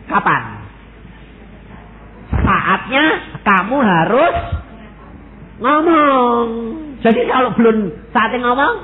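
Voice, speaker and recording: Javanese-accented male pastor, fairly high voice, lively sermon, tinny phone-like recording. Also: a little hiss or hum. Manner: animated, mixes in Javanese, acts out quoted prayers.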